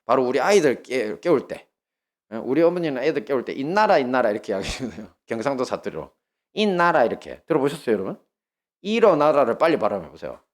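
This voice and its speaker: Lively, animated male pastor preaching. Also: medium pitch, fast talker. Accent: Gyeongsang Korean. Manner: lively storytelling, asks the congregation questions. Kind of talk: sermon.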